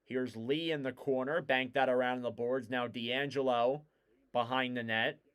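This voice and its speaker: A man giving casual live play-by-play commentary on a hockey game, getting louder and keener on the big plays. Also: medium pitch, steady tone, a little slow, smooth.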